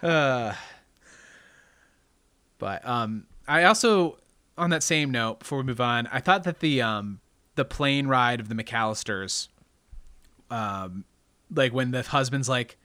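A man in casual conversation about a movie, animated and laughing often as he acts out quotes. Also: mid-range voice, slow pace, long pauses, smooth, dry recording.

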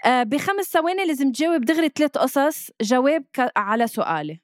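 Female, Lebanese Arabic accent, high voice, close dry sound, casual game-host chat sprinkled with English. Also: expressive, fast, dry recording. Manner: mixes English words into Arabic.

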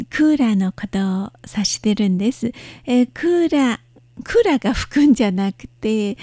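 A woman's voice: mid-range voice, mellow, dry recording. A woman teaching a language lesson, explaining words patiently and spelling out their pronunciations step by step.

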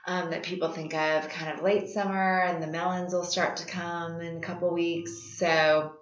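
A woman's voice: on the low side, flat delivery, normal speed. A woman guest giving conversational interview answers, with the empty echo of a warehouse around her. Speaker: food hub manager, interview guest. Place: warehouse of a food hub. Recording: echoey warehouse, slightly muffled.

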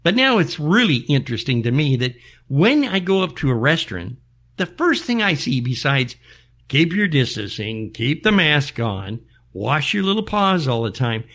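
A man's voice: on the high side, big pitch swings, a little slow, fairly bright tone. An older American man hosting a show, ranting in an exasperated, folksy back-in-my-day manner full of rhetorical questions. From United States. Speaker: show host. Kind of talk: back-in-my-day style rant monologue.

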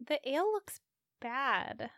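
A woman playing a sheltered, naive female adventurer in an improvised tabletop game, timid, halting and apologetic. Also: high-pitched, very animated, vocal fry, a bit bright, no echo, clean studio sound, heavily acted. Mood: flustered. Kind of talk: improvised tabletop role-play.

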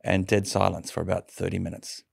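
A man, an interview guest, telling a personal conversion story in a lively way, laughing often and stumbling over restarts. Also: low-pitched, brisk, gravelly, slightly rough, dry recording, studio quality.

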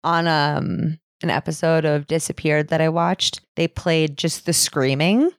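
A woman's voice: sits low, fairly even intonation, unhurried, no echo, clean studio sound. A woman co-hosting a true-crime podcast, narrating a case in a casual way and swearing freely as she goes. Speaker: podcast co-host.

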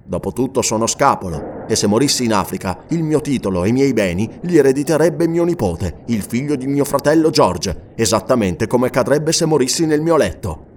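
A man voicing a restless, adventurous English gentleman in an audiobook, talking in a lively, emphatic, raised voice. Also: mid-range voice, a little fast, hardly any pauses, a little hiss or hum, lightly acted. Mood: earnest. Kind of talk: audiobook character reading.

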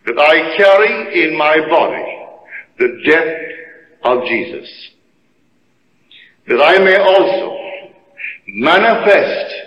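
Slow, echoey male religious lecturer. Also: on the high side. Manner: deliberate, emphatic, short phrases with weighty pauses. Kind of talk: sermon-like lecture to a live gathering. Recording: muffled old recording in echoey hall.

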